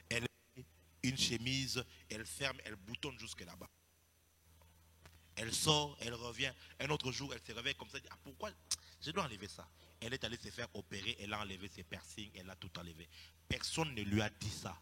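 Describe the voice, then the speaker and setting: A man preaching a sermon, dropping to hushed storytelling and then rising to loud, emphatic exhortation. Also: mid-range voice, in a large hall. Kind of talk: sermon teaching.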